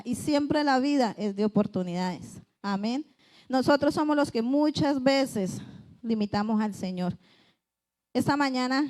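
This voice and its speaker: Woman, church preacher, high-pitched, earnest, conversational sermon. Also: a little mellow. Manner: earnest, often voices pleading prayers aloud. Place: church service.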